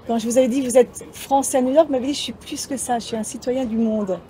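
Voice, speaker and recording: A woman's voice: on the high side, steady tone, fast talker, warm tone, slight background noise. A woman interviewing an author, listening attentively and affirming often. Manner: attentive, frequent affirming responses. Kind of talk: interview conversation.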